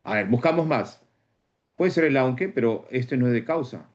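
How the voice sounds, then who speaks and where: A man with a Peruvian Spanish accent teaching an online exam-prep class, lively, and acting out both student and teacher in little back-and-forth exchanges. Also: medium pitch, moderate pace. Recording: dull lo-fi stream audio.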